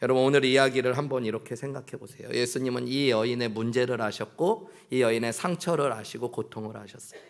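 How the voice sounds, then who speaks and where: A man's voice: medium pitch, quick pace, gravelly, few pauses. A male pastor preaching a sermon in church, earnest, acting out prayers and bits of dialogue. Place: church sanctuary.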